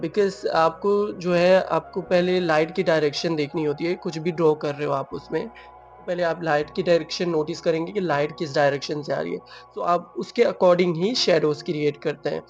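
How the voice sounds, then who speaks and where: A man talks through a drawing tutorial as a voice-over, moving between Hindi and English. He often pauses on fillers and restarts his phrases. His voice sits a little high, with faint music playing under it. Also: dull audio.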